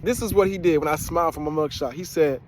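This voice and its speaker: A man's voice: fairly high pitch, quick pace, a little hiss or hum. A young man telling a personal story in a casual, rambling way, full of slang and repeated words. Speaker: vlogger and rapper.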